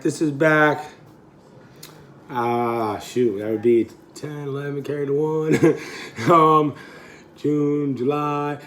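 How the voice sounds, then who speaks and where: A man in his thirties with a raspy voice, hoarse and a little high-set for a man. He chats informally to camera as a fitness coach, rambling along without a script. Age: 30s. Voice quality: raspy, throaty. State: hoarse, getting over being sick. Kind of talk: casual chat to camera.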